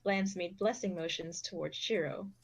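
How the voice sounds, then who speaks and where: A young woman narrating an amateur fan fiction reading with steady, expressive delivery. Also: fairly low pitch, moderate pace. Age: young adult.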